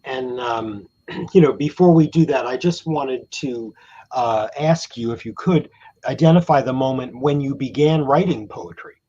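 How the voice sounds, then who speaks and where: A man's voice: medium pitch, a little slow, warm tone, slightly rough, dull audio. A man hosting a writing class, introducing a guest in a hesitant way with many uh fillers, on a video call. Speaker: host, writing class teacher.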